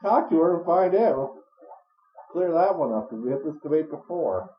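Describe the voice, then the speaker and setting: A man's voice: on the high side, animated, moderate pace. A young man joking and laughing as he comments on a video game. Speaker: let's play co-host. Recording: echoey room, muffled audio.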